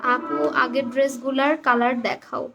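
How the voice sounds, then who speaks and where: A woman's voice: high-pitched, fairly even intonation, a little slow, creaky, highs cut off, music in the background. A woman hosting a live clothing sale, chatting casually, reading out viewers' comments and names, and slipping English words into her talk. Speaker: online clothing seller on a live stream. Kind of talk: casual live-stream sales chat.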